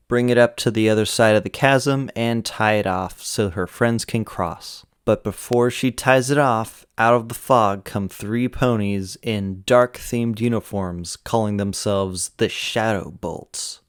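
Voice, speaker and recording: Smooth, lower-pitched man narrating. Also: dry recording, studio quality. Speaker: host of a cartoon episode retrospective. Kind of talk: scripted narration, episode recap and commentary.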